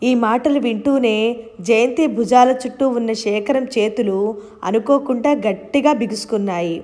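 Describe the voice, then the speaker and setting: A woman reading a novel aloud as an audiobook narrator, calm and measured. Her voice sits a touch higher than most women's.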